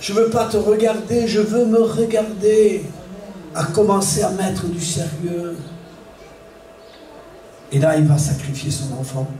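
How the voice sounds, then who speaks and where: A man preaching a sermon as pastor, animated, acting out little scenes and shouting warnings. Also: sits high, unhurried, pauses often, a little hiss or hum. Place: church hall. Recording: echoey church room from far off, faint ambience.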